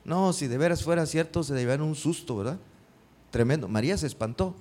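Preaching man with a higher voice. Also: fairly quick, darkish tone. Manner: asks the congregation frequent rhetorical questions; reads scripture aloud and repeats key phrases for emphasis. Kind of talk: sermon.

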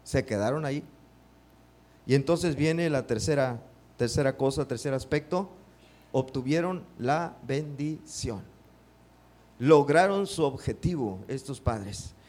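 Animated pastor preaching. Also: male voice, mid-range voice, takes it slowly, long pauses. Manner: animated preaching, acts out quotes, rhetorical questions to congregation. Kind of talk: sermon. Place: church.

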